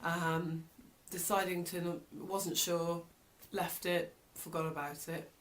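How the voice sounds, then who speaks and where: Slow and steady, a British woman with a voice on the low side vlogs in a personal diary style, hesitant and thoughtful, her sentences often trailing away.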